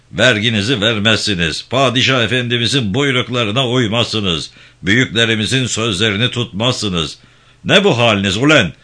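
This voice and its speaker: A man reading a novel aloud, voicing a harsh, bullying gendarme chief who shouts threats and insults. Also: on the low side, voice pushed up.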